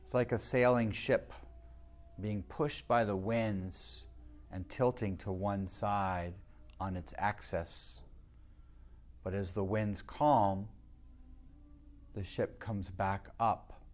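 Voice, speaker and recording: In a fairly low voice, a man guides a meditation, speaking calmly and unhurriedly. Like a seasoned teacher, he leaves long silences between instructions.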